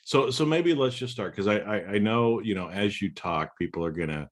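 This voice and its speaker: A podcast host with a lowish voice speaks at a moderate pace during a conversational interview. He asks questions in a rambling way, repeating words as he frames them.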